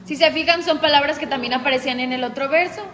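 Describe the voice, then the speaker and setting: A woman's voice: sits high, quick pace, pushed and bright, long reverb tail. A woman leading a group Bible study, explaining patiently and asking the group questions.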